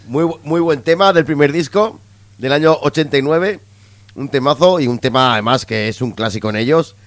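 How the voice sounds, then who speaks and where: A man's voice: fairly high pitch, fairly quick, dry recording. A man with a Spanish accent co-hosting a rock radio show, enthusiastic and exclamatory. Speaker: radio co-host. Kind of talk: casual radio chat.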